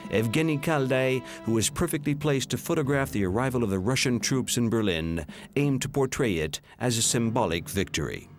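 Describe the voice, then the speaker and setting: A man giving measured, solemn scripted narration for a documentary. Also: medium pitch, lively intonation. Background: music.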